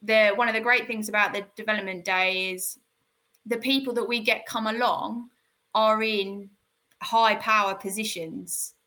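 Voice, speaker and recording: Woman, football development guest; bright, energetic, enthusiastic delivery. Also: mid-range voice, measured pace, low-quality recording. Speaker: county football development officer. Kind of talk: radio interview answer.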